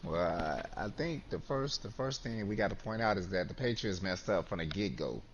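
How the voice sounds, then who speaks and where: A man talking casually as a guest on a sports chat, relaxed and often repeating his words as he restarts. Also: fairly low pitch, moderate pace. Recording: dull lo-fi line with faint noise.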